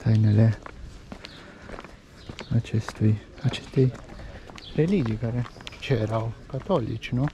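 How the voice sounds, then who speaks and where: A man's voice: fairly low pitch, pauses often. Chatty man giving an outdoor walking tour. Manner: chatty, points out sights and prices as he walks. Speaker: travel vlogger. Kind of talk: casual walking-tour commentary. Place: outdoors in a pedestrian old town. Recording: lo-fi outdoor recording with street noise.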